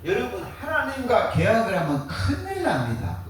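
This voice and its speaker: A man's voice: high-pitched, huge pitch swings, moderate pace, a little hiss or hum. A man preaching a sermon as pastor, firing rhetorical questions and answering them in a colloquial, joking way. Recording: very echoey, distant mic.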